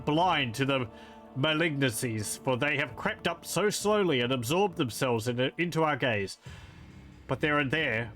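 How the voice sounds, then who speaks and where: A man voicing a frightened, secretive old male sage in a game, pleading with urgent, hushed intensity. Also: fairly high pitch, voice pushed up.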